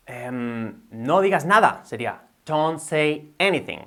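A man's voice: a little high, animated, slow pace, fairly bright tone. A man teaching English vocabulary in a bilingual video lesson, upbeat and constantly checking in with his viewers. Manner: upbeat, switches between English and Spanish, keeps checking with "ok?".

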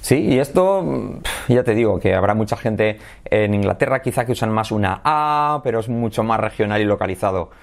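A man whose first language is Spanish, teaching English pronunciation in a video lesson, who models words slowly and keeps checking in with "¿vale?" and "¿sí?". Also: on the low side, expressive, vocal fry.

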